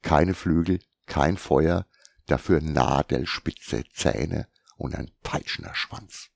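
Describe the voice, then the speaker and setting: A man narrating an audiobook fantasy tale in a steady storytelling manner. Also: very deep voice, slow pace, vocal fry, dry recording, studio quality.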